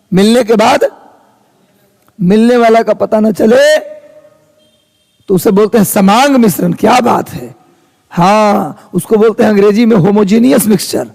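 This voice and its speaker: Male teacher, husky, high voice, casual classroom banter. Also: darkish tone. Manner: chatty, teasing students in rustic Hindi. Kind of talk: live classroom lesson. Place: classroom with students. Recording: long reverb of a hall.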